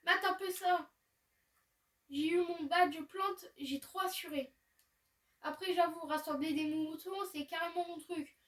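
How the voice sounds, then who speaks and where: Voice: very high voice, steady tone, measured pace, fairly bright tone, recorded from a distance. A gamer reading aloud the lines of a boastful, cheerful teenage rival in a video game. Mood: cocky.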